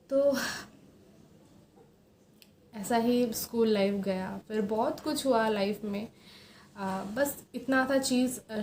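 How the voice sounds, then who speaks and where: A young woman sits at home and talks straight to her viewers, her fairly high voice soft and hesitant, full of pauses and fillers. The room gives her voice a noticeable echo. A faint hiss runs underneath. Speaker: vlogger. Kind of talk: personal confessional vlog.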